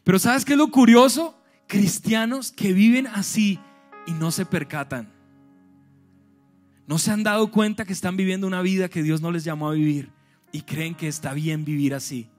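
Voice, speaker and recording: A male pastor preaching a lively sermon to a large church congregation, with bursts of shouting and acted-out scenes. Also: sits high, normal speed, soft background music. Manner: animated preaching, shouts and acts out scenes with humor.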